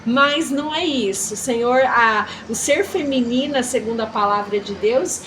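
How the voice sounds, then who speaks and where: A woman's voice: fairly high pitch, unhurried, a bit bright, a little hiss or hum, poor audio. A Brazilian woman talking earnestly as a mentor, teaching about faith and womanhood. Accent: Brazilian Portuguese. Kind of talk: casual faith-based chat.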